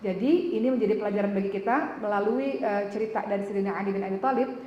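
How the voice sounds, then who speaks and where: A woman's voice: mid-range voice, quick pace, highs cut off, a little hiss or hum. A woman preacher giving a conversational religious lecture to a women's audience, often asking them questions directly. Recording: echoey hall with reverb, faint ambience.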